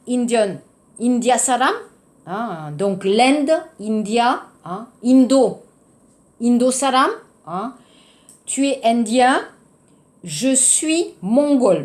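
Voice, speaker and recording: A woman teaching a French lesson to Korean learners, explaining slowly and adding Korean translations. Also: a little high, animated, darkish tone. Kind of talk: classroom lesson.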